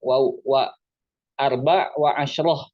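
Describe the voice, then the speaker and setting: A man teaching Quran recitation in an online lesson, explaining patiently, repeating himself and slowly chanting Arabic examples. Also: medium pitch, fairly even intonation, dull audio.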